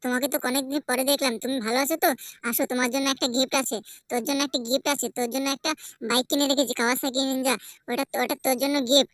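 A woman's voice: high voice, steady tone, very fast, no echo, natural voice. A woman voicing a scared, whiny little boy who keeps pleading with his uncle and repeats his words. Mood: cheerful. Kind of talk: game play voice acting.

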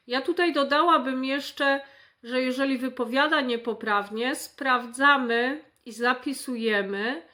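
A woman speech therapist reads a checklist of exercises at a slow, deliberate pace. Her voice sits high and sounds bright. She articulates every example word with care. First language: Polish. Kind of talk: reading a checklist aloud.

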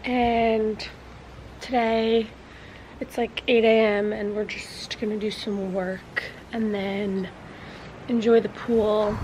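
A woman's voice: medium pitch, level tone, takes it slowly, darkish tone, a little hiss or hum, low-quality recording. A woman, chatting casually to a handheld vlog camera. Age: 20s. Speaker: vlogger. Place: holiday villa, mostly outdoors by pool and garden. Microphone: handheld camera at arm's length or propped nearby.

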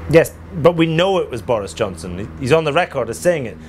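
A man playing a smug, deadpan news anchor in a TV studio. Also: mid-range voice, a little fast, slight background noise, close to an everyday voice.

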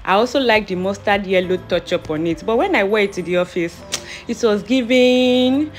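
In a clothing haul vlog, a young woman with a Nigerian English accent speaks at a moderate pace in a medium-pitched voice, chatty, playful and amused at herself, with soft music behind her.

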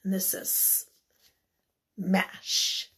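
A woman teacher reading a picture book aloud to children, pausing to ask them questions and sometimes dropping to a whisper. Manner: gentle, asks the children questions, drops to whispers. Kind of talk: children's read-aloud lesson.

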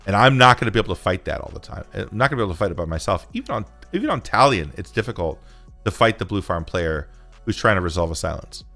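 A man in his thirties, a podcast co-host on a video call from home, explaining strategy in a measured way and swearing casually. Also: low voice, sing-song, creaky, bright, forceful tone, soft background music. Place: home room.

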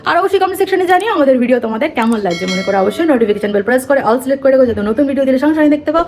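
Young woman, Bengali accent, chatty vlog talk, rapid delivery, fairly high voice. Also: expressive, darkish tone. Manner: chatty, quick, mixes English words into Bengali. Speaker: vlogger, mother of the baby. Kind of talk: casual vlog narration to camera.

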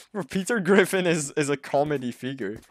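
A young man giving casual, excitable commentary while playing a shooter game, trash-talking and laughing often. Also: on the high side, normal speed, noisy background. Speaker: gaming streamer. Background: anime music.

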